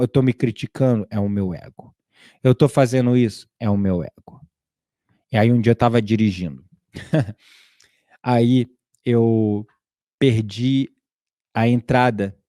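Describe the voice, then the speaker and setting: A man with a Brazilian Portuguese accent giving a casual teaching talk, animated and acting out his inner dialogues. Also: mid-range voice, no room sound, clean studio sound. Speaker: spiritual teacher.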